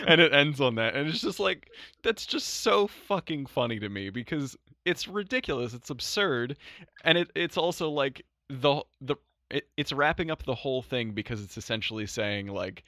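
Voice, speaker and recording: Bright-voiced, laughing podcast host man. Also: mid-range voice, expressive, normal speed, no echo, studio quality. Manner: laughs often, acts out quotes. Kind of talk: casual chat recap.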